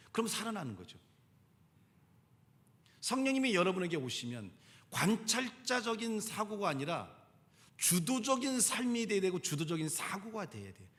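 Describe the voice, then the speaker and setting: A man's voice: high voice, fairly bright tone. A male pastor giving a conversational sermon and leading the congregation to repeat phrases after him. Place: church sanctuary. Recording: long church hall reverb.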